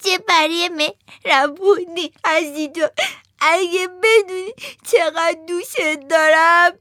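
Storybook puppet boy, high and sharp, eager, played by a woman. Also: no echo, studio quality. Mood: pleading. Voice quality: high childlike voice. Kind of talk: storybook voicing.

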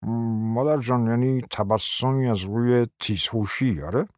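A man voicing a meek, dim-witted middle-aged husband who asks timid, halting questions in an audiobook reading. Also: medium pitch, animated, dry recording, clean studio sound, pitched above the performer's own voice, lightly acted. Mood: hesitant.

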